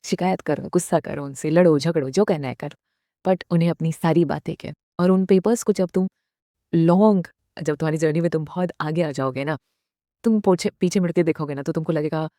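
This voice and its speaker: Speaking a little fast in a deep, dark voice, a woman vlogger in her thirties offers her viewers a sincere pep talk mixed with English phrases in Hindi. She turns to the audience directly with questions. Recorded in studio quality, free of echo.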